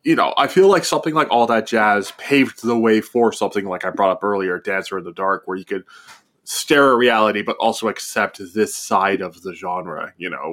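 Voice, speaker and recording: On a podcast, a low-voiced male co-host muses casually about films, wandering off track with many fillers and restarts. His tone comes across as fairly bright.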